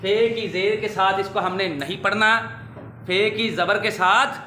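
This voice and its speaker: A man teaching pronunciation to children, slowly repeating wrong and correct forms. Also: sits high, steady tone, pushed and bright, slight background noise. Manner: slow, drills correct and wrong forms, addresses dear children. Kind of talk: classroom pronunciation lesson. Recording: echoey room with faint ambience.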